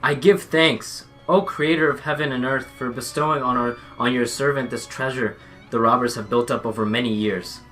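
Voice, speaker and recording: A woman voicing a timid, honest male woodcutter in a storybook reading, in a low, hesitant, humble voice. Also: fairly even intonation, moderate pace, a bit bright, faint music behind. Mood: reverent.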